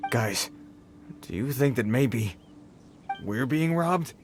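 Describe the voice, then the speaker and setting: An actor playing a gruff male treasure-hoarder bandit leader who talks in brash, mocking slang. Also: mid-range voice, lively intonation, takes it slowly, faint music behind. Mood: wary. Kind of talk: game voice acting.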